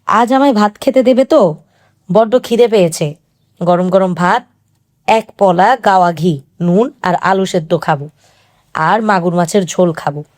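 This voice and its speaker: A woman's voice: on the low side, a little slow, pauses often, a little mellow, pitched below the performer's own voice, close to an everyday voice. A woman voicing a sick, whining young husband. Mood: longing. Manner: whining, repeating demands. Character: sick young husband, half-deaf, petulant and hungry.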